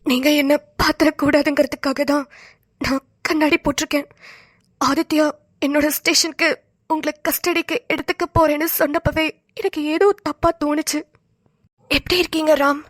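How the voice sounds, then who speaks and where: A woman voicing a sorrowful young woman in a cartoon, speaking quietly and wistfully. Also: sits high, little pitch movement, moderate pace, dry recording, studio quality. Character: sorrowful young woman hiding behind glasses. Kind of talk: cartoon voice acting.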